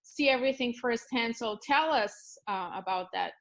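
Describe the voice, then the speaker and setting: A woman interviewing a guest, her voice sitting a little higher than usual. She speaks conversationally, affirming the guest's points before posing her next question. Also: moderate pace, fairly bright tone.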